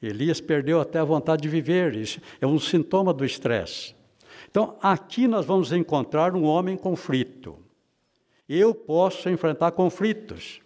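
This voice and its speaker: A man's voice: on the high side, lively intonation, normal speed, a little mellow, long reverb tail. A man with a Brazilian Portuguese accent teaching a Bible class, emphatic and repeating his phrases for weight. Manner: emphatic, repeats phrases, calls listeners brother.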